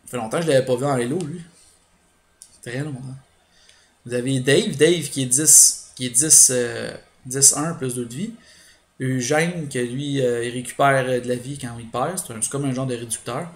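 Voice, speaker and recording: A man's voice: mid-range voice, moderate pace, roomy sound. A man with a Quebec French accent doing let's play commentary, thinking aloud with hesitations and explaining his strategy to viewers. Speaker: gaming channel host.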